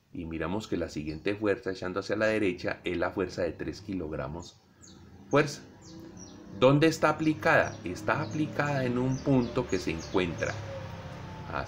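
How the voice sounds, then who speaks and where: A middle-aged Colombian man teaching a physics lesson, explaining slowly and deliberately to his students. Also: fairly low pitch, a little hiss or hum. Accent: Colombian Spanish. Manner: slow, deliberate explaining, addresses students directly. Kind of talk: recorded classroom lesson.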